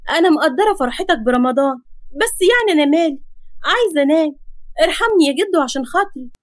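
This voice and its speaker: A woman's voice: sits high, lively intonation, quick pace, no room sound, voice pushed up. A woman with an Egyptian accent voicing a playful young granddaughter who whines and pleads. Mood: whiny. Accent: Egyptian Arabic. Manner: whining, pleading.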